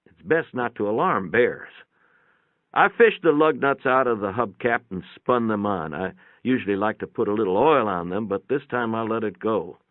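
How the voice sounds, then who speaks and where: This narrator is a man with a lowish, expressive voice, reading a first-person short story at normal speed. His storytelling is folksy and plain, captured with boxy room reverb and a thin, phone-like tone.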